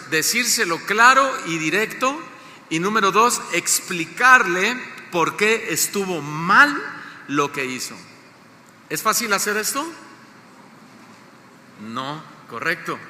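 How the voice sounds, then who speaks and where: Mexican male pastor, sermon delivery, high and very bright voice, deliberate and emphatic, recorded in a reverberant church hall. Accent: Mexican Spanish. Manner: slow deliberate emphasis, questions to the congregation. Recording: echoey hall, faint noise.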